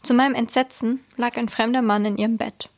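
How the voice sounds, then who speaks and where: Woman reading a memoir, gravelly edge. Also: a little high, fairly even intonation, fairly quick. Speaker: reader.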